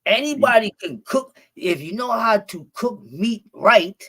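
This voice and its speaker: A Philadelphia man appearing as a guest on a stream chats casually, rambling and cussing with lots of restarts. His voice is high, husky, bright and forceful, expressive yet a little slow.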